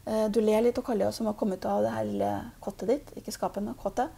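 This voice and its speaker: A woman giving a spiritual reading, speaking calmly and haltingly with many fillers. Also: mid-range voice, vocal fry, husky. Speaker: intuitive reader.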